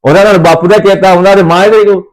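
A man's voice: high-pitched, steady tone, fast, lightly acted. A man playing an angry ranting father-in-law. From Punjab, India. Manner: ranting, repetitive, threatening. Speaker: father scolding his son. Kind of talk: family comedy skit.

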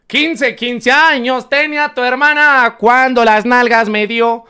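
A young man with a Mexican Spanish accent reacting to clips on a live stream in casual chat, loud and crude, laughing often. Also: very high-pitched, fairly even intonation, takes it slowly, smooth.

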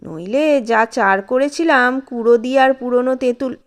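A woman voicing a grumpy old village fisherman who scolds noisy boys in a loud, stern, gruff way. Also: on the high side, moderate pace, lightly acted. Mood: scolding.

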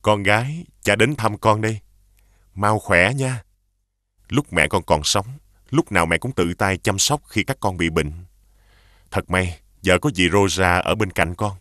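A man voicing a gentle, grieving king and loving father in a cartoon. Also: sits low, a little slow, dry recording, studio quality. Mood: tender. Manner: warm, fatherly. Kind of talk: cartoon dubbing.

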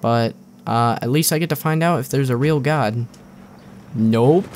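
A young man drawls through loose, sarcastic gameplay commentary at an unhurried pace, his pitch sitting right in the middle. Faint gunfire and game noise carry on under his voice. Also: darkish tone. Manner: joking, rambling, sarcastic.

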